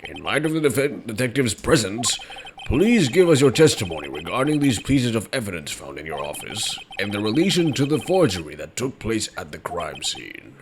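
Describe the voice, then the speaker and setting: Guy doing a stern old judge, low formal voice, pretty noisy mic with clicks. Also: very animated, moderate pace. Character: stern older male judge.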